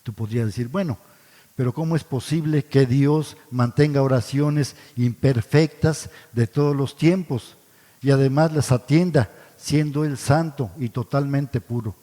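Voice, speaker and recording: A man's voice: medium pitch, a little slow, warm tone. A man teaching a Bible study sermon, asking his listeners questions and answering them himself, often calling them brothers. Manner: addresses listeners as brothers, frequent tag questions. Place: church. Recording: church hall with long reverb.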